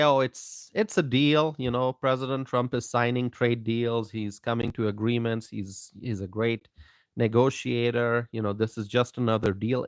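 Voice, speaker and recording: Slow, emphatic man from Bangladesh. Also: medium pitch, dry recording, clean studio sound. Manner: repetitive, emphatic, addresses viewers directly. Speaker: political commentary channel host. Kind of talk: casual monologue to camera.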